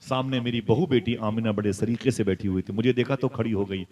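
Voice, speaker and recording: A male preacher delivers an impassioned religious sermon in a storytelling style. He drops into soft asides, then rises to loud, high exclaims, and keeps turning to his listeners with direct questions. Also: fairly even intonation, fairly quick.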